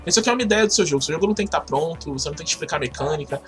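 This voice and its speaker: Higher-voiced Brazilian Portuguese man chatting. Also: expressive, very fast, fairly bright tone, soft background music. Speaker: podcast guest, game project organizer. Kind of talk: casual interview chat.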